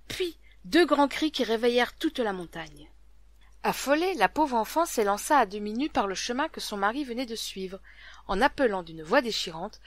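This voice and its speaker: A woman narrating an old legend as a scripted story, reading dramatically and dropping to a hush at tense moments. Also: fairly high pitch, dry recording.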